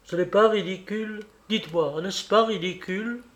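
A man's voice: high-pitched, moderate pace, a bit bright, voice pushed up. A man reading aloud as an eager, proud teenage boy who speaks in fervent, rising outbursts.

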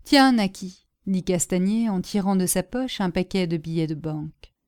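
A woman narrating a literary novel aloud, measured and steady. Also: fairly low pitch. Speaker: audiobook narrator.

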